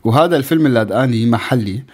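A man's voice: mid-range voice, lively intonation, rapid-fire. A man with a Syrian Arabic accent co-hosting in a casual, chatty way, often repeating words as he tells stories. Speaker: co-host. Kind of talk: casual conversational storytelling.

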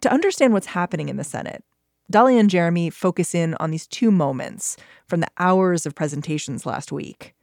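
A woman's voice: fairly low pitch, expressive, a little fast, gravelly, a little mellow, no room sound, clean studio sound. A woman hosting a podcast, moving between narration and conversation. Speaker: podcast host.

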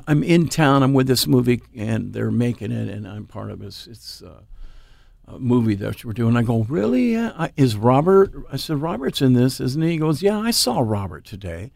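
A man's voice: medium pitch, normal speed, vocal fry, darkish tone, dry recording. A man from Oregon, a blues musician, casually tells an anecdote in an interview and acts out the quoted dialogue in different voices. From Oregon, United States. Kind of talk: casual storytelling.

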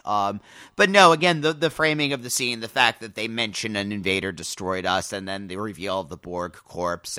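A man co-hosting a casual podcast, making quick joking asides. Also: lowish voice, no room sound. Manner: lively, jokey asides. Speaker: podcast co-host.

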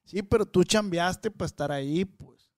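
Slangy high-voiced podcast host. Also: male voice, moderate pace, no room sound, clean studio sound. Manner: relaxed slangy questions. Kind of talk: casual chat.

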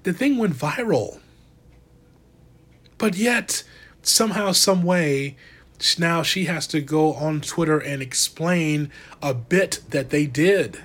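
A man's voice: on the high side, slow pace, a bit bright. A man giving a sarcastic, exasperated wrestling commentary monologue, talking casually and animatedly.

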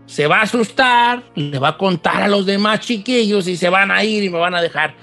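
A man voicing a grumpy, scarlet, toad-faced male demon in a low, muttering, menacing voice. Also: moderate pace, sharp tone, faint music behind. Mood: scheming.

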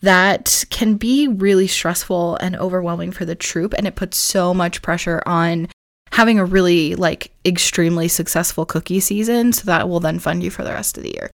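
A woman hosting her own podcast, slightly hoarse from losing her voice, explaining things in a chatty way with frequent "like" fillers. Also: on the low side, normal speed, dry recording, clean studio sound. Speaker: podcast host. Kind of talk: casual solo podcast talk.

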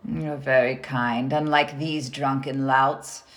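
A woman's voice: extremely low pitch, fairly even intonation, slow pace. An actress playing a refined, somewhat haughty woman novelist ghost who is prim and mildly scolding. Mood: genteel.

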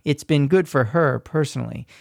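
A man narrating a scripted radio feature report in a measured, descriptive way. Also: mid-range voice, creaky, no room sound, studio quality.

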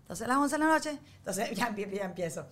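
A woman's voice: mid-range voice, lively intonation, quick pace. A woman guest chatting casually on a podcast, talking animatedly and laughing often. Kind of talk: casual chat.

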